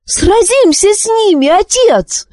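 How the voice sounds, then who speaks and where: A woman voicing a hot-headed young boy who yells shrilly. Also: big pitch swings, slow pace, dry recording, studio quality, exaggerated voice. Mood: furious. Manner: shrill, yelling.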